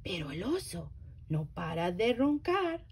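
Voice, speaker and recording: A woman working as a library storyteller, reading a children's story aloud slowly and very expressively. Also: fairly low pitch, sing-song, a little mellow, slight background noise.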